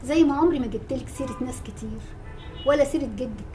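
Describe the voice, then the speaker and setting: A woman's voice: sits high, rapid-fire, warm tone, faint music behind, close to an everyday voice. An actress playing an affectionate but firm older grandmother talking with her granddaughter.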